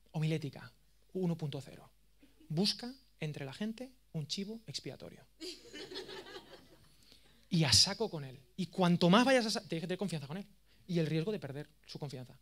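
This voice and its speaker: A man in his thirties with an accent from Spain, giving a course lecture as a lively, self-mocking storyteller. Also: high voice. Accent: Spain Spanish. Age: 30s. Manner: animated, self-mocking, jokey.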